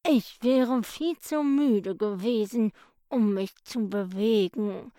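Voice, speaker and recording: A woman's voice: medium pitch, slow, dark tone, no echo, studio quality, natural voice. Woman voicing a lazy grumbling pug. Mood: grumpy. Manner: grumbling, sleepy, dismissive. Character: lazy fat grumpy male pug dog.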